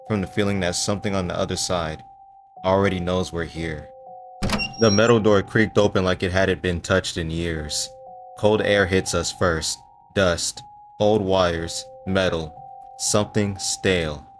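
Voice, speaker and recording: A man telling a first-person horror story in a hushed, suspenseful voice with dramatic pauses. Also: sits low. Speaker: storyteller and voice actor.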